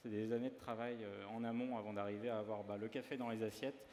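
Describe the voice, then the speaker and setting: A pastry chef from northern France talks through a dessert demo, hesitant and full of filler sounds. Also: male voice, lowish voice, steady tone, fast, darkish tone. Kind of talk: live demo interview. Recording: reverberant hall, faint ambient noise.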